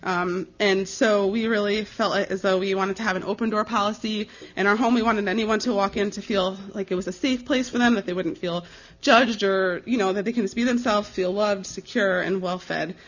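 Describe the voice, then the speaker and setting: Before a live audience, a young American woman who is a missionary gives a ministry report through an informal slide presentation, speaking earnestly, conversationally and haltingly. She has a medium pitch with fairly even intonation, captured on a dull, slightly lo-fi recording.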